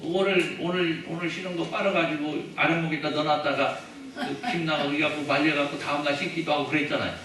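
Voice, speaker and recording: In a church sanctuary, a male pastor delivers a chatty, joking sermon, repeatedly turning to the congregation with questions. His bright, forward voice is fairly high and steady, and he talks fast. It rings through the very echoey hall, captured by a distant mic over faint room noise.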